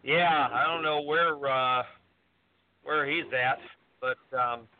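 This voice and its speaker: A man's voice: medium pitch, takes it slowly. A man hosting a casual live radio show, meandering and repeating himself as he talks. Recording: tinny phone-like narrowband audio.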